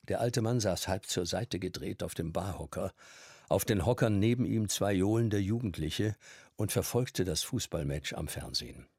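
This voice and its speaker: A man narrating a novel as an audiobook reader, telling the story in an expressive way. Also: low-pitched, normal speed, husky, dry recording, studio quality.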